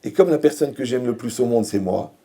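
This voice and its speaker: A man's voice: medium pitch, lively intonation, brisk, mellow, breathy edge. A man giving a Torah lecture as a rabbi, mixing jokes with rhetorical questions to his audience. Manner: joking, asks rhetorical questions.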